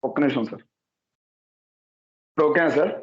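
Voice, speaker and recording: A man on a phone video call, setting up his camera and mic and asking quickly and repeatedly whether his voice comes through. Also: on the high side. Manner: quick, asks repeatedly whether he can be heard. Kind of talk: casual call about camera and mic setup. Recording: echoey, dull lo-fi call audio.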